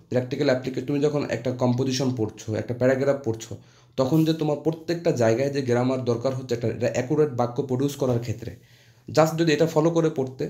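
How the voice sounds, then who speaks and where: A man teaching English grammar over lesson slides. His voice is mellow and warm, set at an ordinary middle pitch. He reads the example sentences slowly and carefully, then explains them in easy Bengali mixed with English terms.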